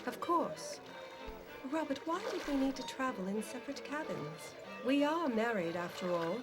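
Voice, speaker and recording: A woman's voice: fairly high pitch, lively intonation, normal speed, lightly acted. A woman voicing a prim newlywed ocean-liner passenger. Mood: reproachful. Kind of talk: adventure game voice acting. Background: game music.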